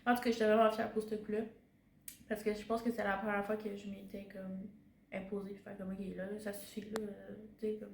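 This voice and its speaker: A woman's voice: medium pitch, little pitch movement, fairly quick. A young woman with a Québécois accent, a student teacher chatting casually and hesitantly, often searching for her words. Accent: Québécois French. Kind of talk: casual reflective chat. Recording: roomy echo.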